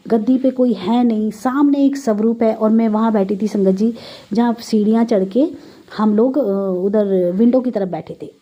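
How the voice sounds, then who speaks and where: A woman's voice: medium pitch, warm tone. A woman giving a spiritual testimony to a congregation, telling her story in a heartfelt, conversational way and often speaking to her listeners directly. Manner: conversational, with everyday Hindi-English mixing.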